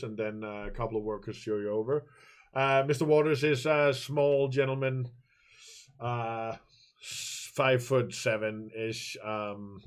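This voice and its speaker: A man runs a tabletop role-playing game as game master at a mid pitch. He rambles and jokes, using a lot of fillers. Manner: rambling, joking, many fillers.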